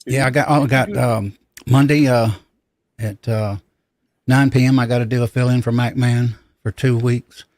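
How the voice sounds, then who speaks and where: Man, mid pitch, brief easygoing replies, casual podcast, dry room. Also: fairly even intonation, normal speed, a little mellow, no room sound. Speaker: podcast guest and streamer.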